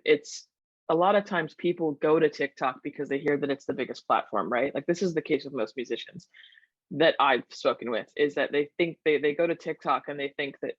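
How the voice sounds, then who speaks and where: A man interviewing in a casual webinar discussion over a video call, relaxed and peppered with filler words. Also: a little high, no room sound, highs cut off.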